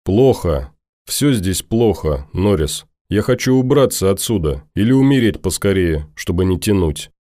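A man's voice: low voice, lively intonation, moderate pace, dark tone, no room sound, studio quality. A man as a weary, grim deserter. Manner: tired, curt, bitter.

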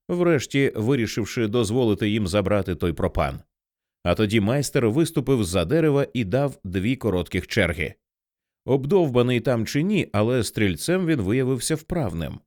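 A man narrating an audiobook in a lively, dramatic storytelling manner. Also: lowish voice, dry recording, studio quality.

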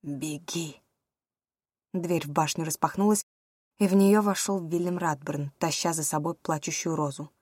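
A woman narrating a fantasy audiobook in a brisk, steady storytelling manner. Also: low-pitched, dry recording, studio quality.

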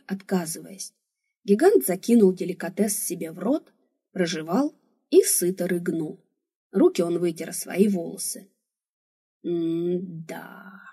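A woman narrating a first-person audiobook at a calm, even pace. Her voice is very husky and breathy, with a dark, mellow tone. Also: mid-range voice.

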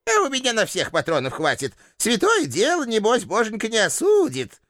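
A man reading an audiobook, voicing a cantankerous old village landlady who scolds and threatens in a shrill, creaky old-woman voice. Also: huge pitch swings, normal speed, fairly bright tone, no echo, studio quality, exaggerated voice. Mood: scolding.

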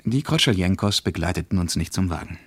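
In a radio play, a man with a low, husky yet animated voice plays a reflective first-person narrator recounting a journey. His delivery is measured, precise and literary, with no echo.

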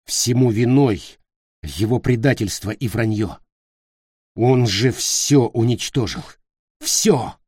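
A man's voice: mid-range voice, lively intonation, slow pace, a little mellow, breathy edge, dry recording, clean studio sound. A man playing a furious young male leader who speaks harshly and with contempt. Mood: bitter.

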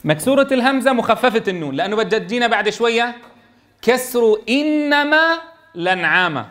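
High-voiced man teaching tajweed. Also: expressive, fairly quick, bright, forceful tone. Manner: explains step by step, checks in with students. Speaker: Quran teacher trainer. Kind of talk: classroom tajweed lesson. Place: classroom with students.

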